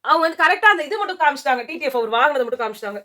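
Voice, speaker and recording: A woman reviewing a reality show promo in casual chat, animated and mocking as she talks over her co-host. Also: sits high, racing.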